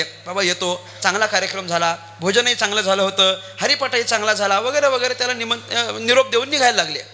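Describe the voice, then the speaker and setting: A man's voice: extremely high pitch, sharp tone. A man preaching a devotional kirtan sermon, telling a story and acting out its dialogue.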